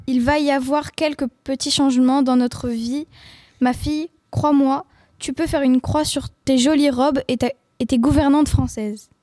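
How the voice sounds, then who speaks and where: A woman's voice: high voice, fairly even intonation, moderate pace, darkish tone, dry recording, natural voice. A woman voicing a cold, blunt father who has just gone bankrupt, reading in a curt, lecturing way. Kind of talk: audiobook reading.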